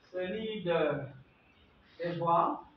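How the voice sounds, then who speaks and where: A man teaching a French class, slowly repeating phrases and examples for his learners. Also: high-pitched, fairly even intonation, slight background noise. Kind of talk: classroom language lesson. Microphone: far from the mic. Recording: echoey classroom from far off, dull lo-fi sound.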